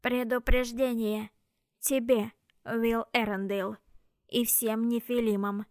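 A slow, grating metallic automaton, as a woman narrator puts it on, delivering a menacing warning in a flat, even line. The voice is dry and close, with no room around it. Each word drags out mechanically. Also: a little high, no room sound. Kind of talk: audiobook narration.

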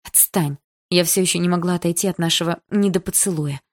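A woman reading a teen romance audiobook in first person, lively and expressive. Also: on the low side, quick pace. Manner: lively, shifts into character voices. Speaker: audiobook narrator.

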